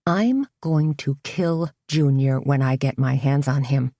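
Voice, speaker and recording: A woman voicing Tony, a wisecracking middle-aged woman friend in an audiobook mystery, playful and quick. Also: extremely low pitch, mellow, no room sound, clean studio sound, exaggerated voice. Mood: fuming. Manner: wry, exasperated, fiery. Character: feisty middle-aged woman caught in a jam, joking.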